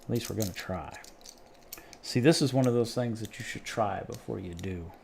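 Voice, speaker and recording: Against a noisy background, a man with a lowish, creaky voice hosts a live stream at a moderate pace. He rambles and cracks jokes with his chat as he tinkers on something homemade.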